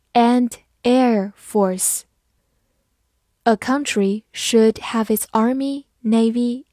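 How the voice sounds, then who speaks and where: A woman teaching English vocabulary, spelling words letter by letter and reading example sentences slowly and carefully. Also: mid-range voice, a little mellow, dry recording, studio quality. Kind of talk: vocabulary lesson narration.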